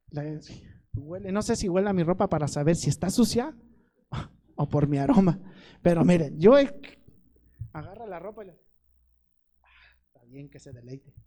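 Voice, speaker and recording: A man's voice: high-pitched, mellow. A middle-aged male pastor preaching a sermon, asking the congregation questions and pleading with growing fervor.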